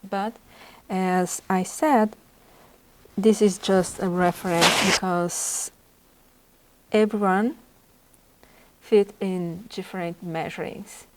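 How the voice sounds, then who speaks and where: An art instructor whose first language is Portuguese, she has a Brazilian Portuguese accent and thinks aloud while sketching in a portrait drawing lesson. Her mid-range voice is fairly even and slow, with long pauses. The low-quality recording carries slight background noise.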